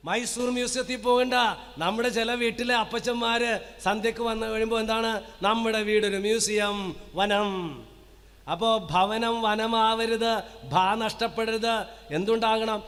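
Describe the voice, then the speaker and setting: High-voiced priest preaching in a reverberant hall. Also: male voice, flat delivery, fairly bright tone. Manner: rhetorical questions with call-and-response; slow emphatic listing of words. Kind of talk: parish sermon to a live congregation. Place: church hall with long reverb.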